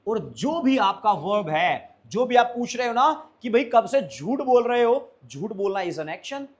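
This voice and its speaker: A man teaching spoken to a class, who drills his students with repeated questions and slows way down on the phrases he models. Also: extremely high pitch, sing-song. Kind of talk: classroom lesson.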